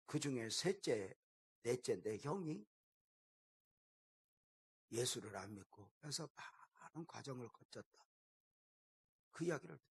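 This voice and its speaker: A middle-aged man preaching a revival sermon as pastor, telling stories and swinging between loud bursts and hushed quoted lines. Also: medium pitch, husky.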